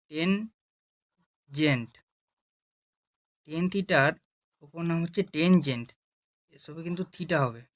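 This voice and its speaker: A man teaching a math lesson, slowly repeating each step and asking questions he answers himself. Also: a little high, fairly bright tone. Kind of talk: classroom-style lesson.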